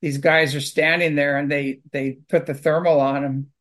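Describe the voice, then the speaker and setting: A man who clears houses of spirits talks in casual conversation, telling long stories in an earnest, rambling way. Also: on the high side, flat delivery, normal speed, a bit bright.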